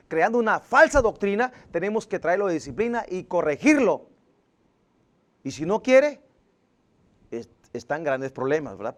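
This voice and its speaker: A man preaches a sermon in a high, lively voice with wide swings of pitch. He punches key words loudly, then drops to low, quiet asides. It is the steady delivery of a pastor teaching his church.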